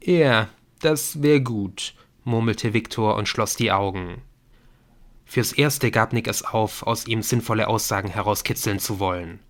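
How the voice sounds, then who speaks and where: Man reading a novel aloud. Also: on the low side. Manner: steady, measured reading. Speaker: audiobook narrator. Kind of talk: scripted narration.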